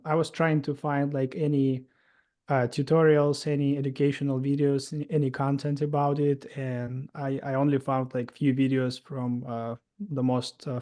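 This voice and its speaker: A Russian man in his thirties, speaking with a Russian accent, tells his story as an interview guest. His speech is halting, full of fillers and restarts, and his voice is medium-pitched and warm.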